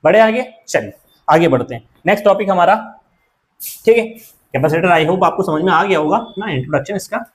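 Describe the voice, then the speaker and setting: A man's voice: high-pitched, animated, fairly quick, slight background noise, rough recording. A man teaching a physics class, lecturing in with terms and often checking that his students follow. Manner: repeats questions, keeps asking "clear?" to students.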